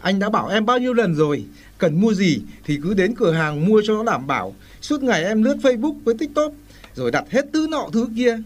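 A man's voice: sits high, big pitch swings, brisk. Man playing an earnest, lecturing husband.

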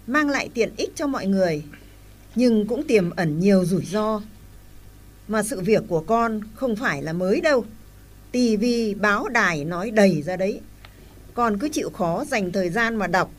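A woman's voice: medium pitch, lively intonation, normal speed, close to an everyday voice. Woman as an older grandmother, firm and lecturing. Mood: advising. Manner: scolding, then advising. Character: older grandmother, wise and scolding.

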